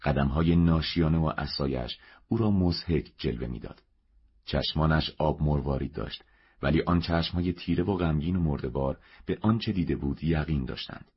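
A man reading a novel aloud as narrator, in a steady, measured way. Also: a bass voice, husky. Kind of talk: audiobook narration. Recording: dull lo-fi recording.

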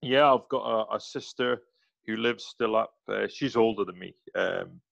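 Man, 40s, Highland Scottish accent, lowish pitch, informal and self-deprecating, chatty, slightly dull recording. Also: moderate pace, creaky, fairly bright tone, no room sound. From Highlands of Scotland, near Inverness. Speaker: podcast guest, military veteran. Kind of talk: casual chat, personal storytelling.

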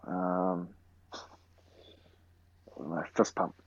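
A man's voice: deep voice, little pitch movement, drawn-out words, vocal fry, lo-fi sound. A young man with a broad New Zealand accent, answering interview questions casually in short, slangy phrases. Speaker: interview guest, rugby player. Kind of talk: casual chat.

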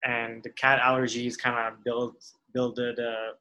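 A man in his late twenties who grew up in Tanzania answers interview questions on a podcast. His voice is bright and forward, and he speaks in a relaxed way, pausing on "uh" often. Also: mid-range voice, rough recording. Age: late 20s. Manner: relaxed, with frequent "uh" hesitations. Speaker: podcast guest. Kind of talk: casual interview.

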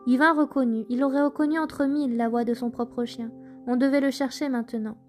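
A woman narrating traditional folk tales in a measured, gentle storytelling manner. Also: sits high, fairly even intonation, faint music behind. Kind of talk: scripted folk tale narration.

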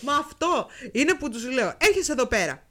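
A woman with a fairly high voice co-hosts a casual podcast. Her pitch moves a lot as she tells stories, acting out each quoted line, and she swears freely. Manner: animated storyteller who acts out quotes and swears. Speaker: podcast co-host. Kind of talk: casual chat.

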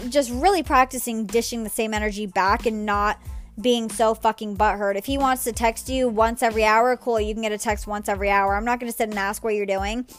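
A young woman in her twenties delivers a blunt, profanity-laced rant with exasperated energy. Her voice sits a little high. Faint music plays underneath. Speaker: podcast host.

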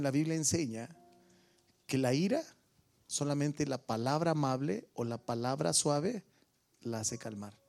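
A middle-aged Mexican-accented pastor preaches to a congregation, his slightly high voice crackling with gravelly fry. He keeps asking the room question after question and calls on people by name. Soft music plays faintly behind him. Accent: Mexican Spanish. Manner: asks the congregation many questions, teases listeners by name. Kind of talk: sermon. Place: church with a congregation.

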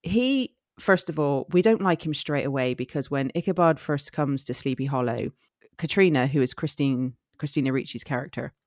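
A woman's voice: sits low, moderate pace, no echo. Chatty West Country woman, close dry sound. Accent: West Country English, Somerset. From Somerset, England. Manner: blunt, sweary, chatty and animated in wording. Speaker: film podcast co-host. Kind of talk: casual film chat.

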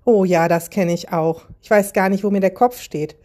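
Lady doing a worn-out wild boar in a storybook, sighing, mellow tone. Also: mid-range voice, normal speed, close to an everyday voice. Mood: weary. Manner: weary, sighing. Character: overwhelmed groaning wild boar.

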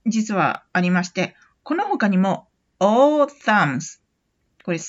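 Woman teaching English, lively and dull-toned. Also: mid-range voice. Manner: explains phrases, then reads English examples slowly for repetition; gentle, encouraging teacher. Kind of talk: English lesson podcast. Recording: somewhat dull, lo-fi audio.

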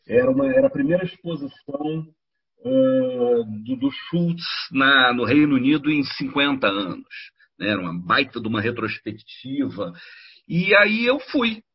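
Brazilian comics critic, middle-aged man, rambling, lively storytelling, slightly husky and higher-pitched voice, lo-fi audio. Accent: Brazilian Portuguese. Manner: rambling, animated storytelling with many restarts. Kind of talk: casual podcast conversation.

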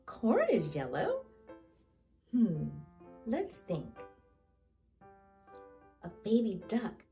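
A woman speaks like a kindergarten teacher to preschoolers, encouraging and sing-song. Her delivery is slow and swoops widely in pitch, with a soft, mellow tone. She asks simple questions and leaves room for answers. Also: wildly swooping pitch, soft background music. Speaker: children's show host. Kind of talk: preschool lesson addressed to young children.

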